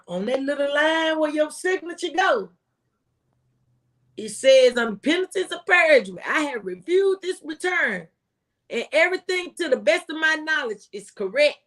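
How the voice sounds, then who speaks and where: She's an American former tax agent offering heartfelt, chatty tax advice, her voice high-pitched, a bit bright, unhurried and lively in intonation. Folksy and emphatic, she repeats phrases to stress them.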